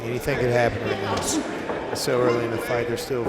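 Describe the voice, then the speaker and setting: A man's voice: mid-range voice, little pitch movement, quick pace, reverberant, heavy background noise. A man doing casual boxing color commentary, informal and enthusiastic, in short reactions. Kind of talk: casual live sports commentary. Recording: loud music and crowd behind.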